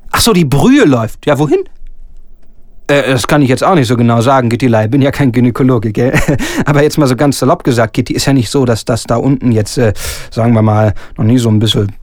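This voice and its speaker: A man reading aloud and voicing a pompous, bullying theatre director who swings between sugary coaxing and shouting. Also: medium pitch, expressive, fast talker, no echo, studio quality, pitched below the performer's own voice, close to an everyday voice. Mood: ranting, wheedling. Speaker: stage director. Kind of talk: solo reading of a comic radio scene.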